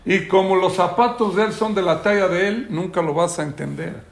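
High-voiced rabbi telling stories. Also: male voice, moderate pace, gravelly. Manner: animated storyteller, acts out characters' lines. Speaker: rabbi teaching a weekly Torah class. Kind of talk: sermon with storytelling.

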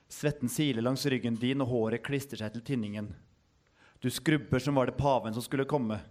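A male author reading his own prose aloud at an event. He takes his time, with even, deliberate phrasing and a mid-range voice. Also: mid-range voice.

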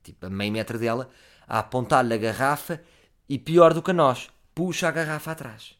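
A man with a European Portuguese accent telling a comic story, animated, swinging between loud and low. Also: moderate pace.

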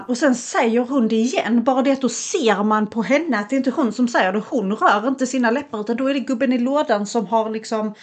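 A young woman co-hosting a podcast, recounting a story with lively energy. Her voice sits a little on the high side, and she slips into the voices of the people in the story as she goes. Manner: animated retelling, acts out quotes. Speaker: podcast co-host. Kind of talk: casual storytelling chat.

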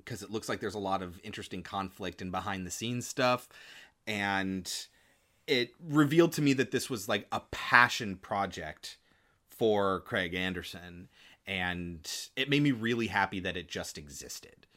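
Bright-voiced man, casual podcast host. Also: low-pitched, measured pace. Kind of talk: casual film review chat.

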